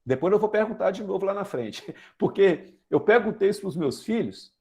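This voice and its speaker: A man's voice: sits high, animated, normal speed, darkish tone. A Brazilian man in his forties preaching a chatty sermon, asking the congregation questions and using everyday examples. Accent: Brazilian Portuguese. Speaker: lay preacher. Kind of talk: conversational sermon.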